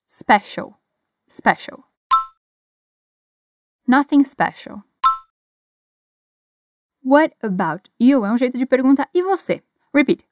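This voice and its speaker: An encouraging woman teacher with a Brazilian Portuguese accent, leading repeat-after-me drills in an English lesson. Her voice sits a little high. The sound is dry and close, and she says each model phrase slowly and carefully. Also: a little mellow, no room sound.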